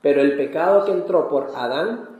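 A man from Peru, a missionary, preaching calmly in short phrases and pausing for his interpreter in a church. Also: fairly high pitch, narrow, tinny audio. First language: Spanish. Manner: calm, measured, pausing for translation. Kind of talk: sermon with interpreter. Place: church hall. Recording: echoey church hall.

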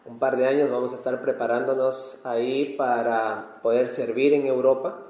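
A man from Peru, a missionary, preaching calmly in short phrases and pausing for his interpreter in a church. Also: mid-range voice, dull audio. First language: Spanish. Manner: calm, measured, pausing for translation. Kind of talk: sermon with interpreter. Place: church hall. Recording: echoey church hall.

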